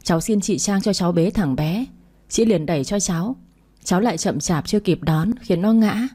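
A woman's voice: fairly low pitch, moderate pace, mellow, slightly rough. A woman voicing a young pregnant woman who pleads and sounds tearful, in a storybook reading.

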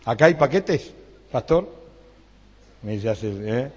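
A man's voice: medium pitch, lively intonation, slow, a little mellow, breathy edge. A middle-aged man with an Argentine Rioplatense accent preaching a sermon, telling a story and acting out the dialogue with growing fervor. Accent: Argentine Rioplatense Spanish. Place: church hall. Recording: dull sound with long hall reverb.

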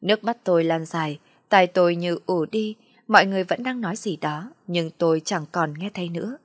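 Brief: woman narrator for an audio story, low-pitched, soft and sorrowful, dry close sound. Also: brisk, no room sound.

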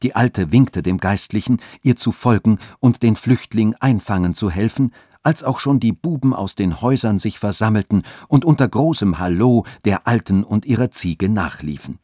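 A man calmly narrating a radio story. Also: fairly low pitch, moderate pace, hardly any pauses, dry recording, clean studio sound. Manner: calm, even storytelling.

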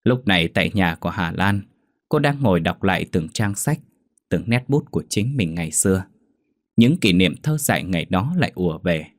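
A man narrating a horror story in a steady, measured storytelling voice. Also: low-pitched, no room sound, clean studio sound.

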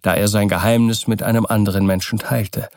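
Calm male audiobook narrator. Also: on the low side, a little fast, smooth, no room sound, studio quality. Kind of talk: scripted narration.

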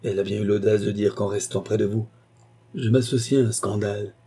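A man reading an audiobook, voicing a gruff, blunt older nobleman. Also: lowish voice, steady tone, fairly quick, warm tone. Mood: indignant.

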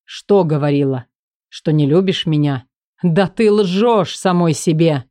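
A woman's voice: low voice, a little slow, mellow, dry recording. A woman voicing a desperate young man in an audiobook, speaking in an urgent, insistent way. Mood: angry insistence.

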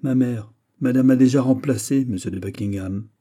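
A man's voice: mid-range voice, warm tone, voice pushed up, natural voice. A man reading aloud, voicing a jealous, petulant royal prince who turns bitter and angry. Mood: furious. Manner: bitter, quick to anger, whining.

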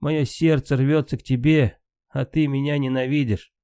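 A man's voice: medium pitch, fairly even intonation, normal speed, dark tone, clean tone, dry recording, clean studio sound, voice pushed up, natural voice. A man doing Brunhild, impassioned valkyrie queen. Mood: grieving. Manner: raised, impassioned delivery. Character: proud grieving valkyrie queen, a woman.

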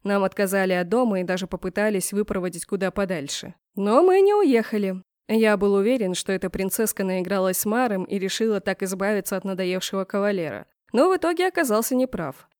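A woman narrating a first-person novel as an audiobook, in a mid-range voice. Her telling is even and steady, rising where the tension builds. The recording is dry and close, with no room behind it. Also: mid-range voice, a little fast, few pauses, smooth, no room sound.

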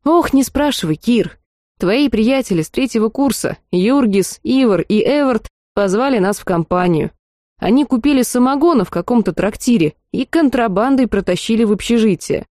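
A woman's voice: on the high side, lively intonation, normal speed, warm tone, no room sound, clean studio sound, natural voice. A woman reading the part of a remorseful, hungover young male student who sighs as he confesses in an audiobook. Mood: rueful. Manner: sighing and confessional.

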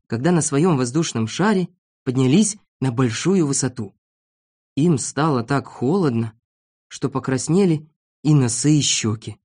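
Lively expressive children's story narrator. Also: mid-range voice.

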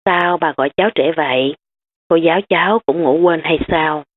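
A woman's voice: deep voice, moderate pace. A woman reading the lines of a tearful, pleading young girl in an audiobook. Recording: tinny phone-like sound.

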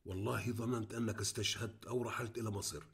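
A man voicing a warm male villager who murmurs in a hushed voice. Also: lowish voice, fairly even intonation, racing, creaky, breathy edge, full character voice. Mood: whispering. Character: older male Palestinian villager, astonished, warm.

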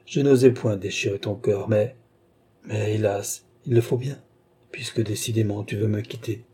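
A man's voice: on the low side, steady tone, normal speed, mellow, husky. A man voicing a cold, mocking young nobleman in an audiobook, speaking in a cool, offhand way.

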